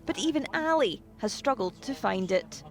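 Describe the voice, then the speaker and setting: A woman's voice: a little high, expressive, moderate pace. A woman reading scripted narration for a news feature. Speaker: news reporter.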